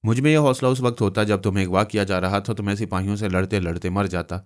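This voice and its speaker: A man's voice: lowish voice, quick pace, lightly acted. A man reading a novel aloud, voicing a desperate, lovesick male informer with an anguished, pleading delivery.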